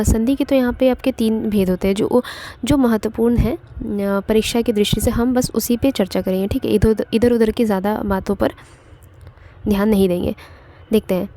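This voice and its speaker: A woman's voice: fairly high pitch, fairly even intonation, moderate pace, mellow. A woman teaching an online exam-prep grammar lesson, explaining step by step and repeating points with frequent fillers.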